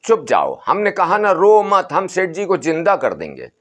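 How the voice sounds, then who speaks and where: A man's voice: sits high, wildly swooping pitch, moderate pace, a bit bright, pitched above the performer's own voice, exaggerated voice. Man doing a stern, wily old holy man. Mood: insistent. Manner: insistent, repeating commands.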